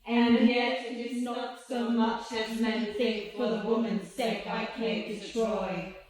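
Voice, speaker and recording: A drama student reciting a classical verse speech in a slow, declaiming way, recorded from a distance in an echoey room. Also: mid-range voice, flat delivery, crowd noise.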